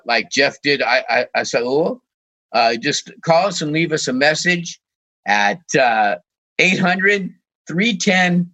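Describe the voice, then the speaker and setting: A man's voice: fairly high pitch, a bit bright. A man co-hosting a radio show in casual, unscripted chat.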